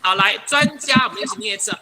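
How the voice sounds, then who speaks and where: A man's voice: high voice, fast talker, a loud crowd, low-quality recording. Male teacher, patient drill-style delivery over a video call, students' voices chattering behind. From Taiwan. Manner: patient, coaxing, ends phrases with a soft "ha". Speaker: English teacher. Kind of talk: online English class, drilling pronunciation. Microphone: computer mic on a video call. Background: students' voices on open mics.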